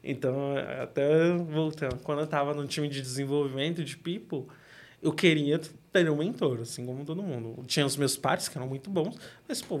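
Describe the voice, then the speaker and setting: A young man from Brazil with a São Paulo accent, talking casually as an interview guest, relaxed and quick to laugh. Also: on the high side. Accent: São Paulo Portuguese. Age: young adult.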